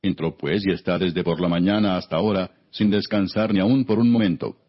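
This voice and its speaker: A man narrating scripture as an audiobook in a solemn, measured reading style. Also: sits low, fairly even intonation, husky. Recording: dull, muffled lo-fi recording.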